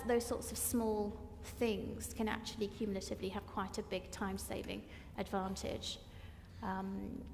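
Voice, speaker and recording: Flat-toned woman with a gravelly edge. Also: medium pitch, a little hiss or hum. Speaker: panelist, law firm staff. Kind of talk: panel discussion. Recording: reverberant hall with faint ambience.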